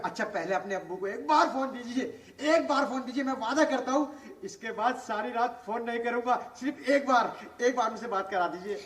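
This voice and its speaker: A man's voice: extremely high pitch, fairly quick, a bit bright. A man playing a prank caller in a comic sketch, teasing and laughing. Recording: roomy echo with clear noise.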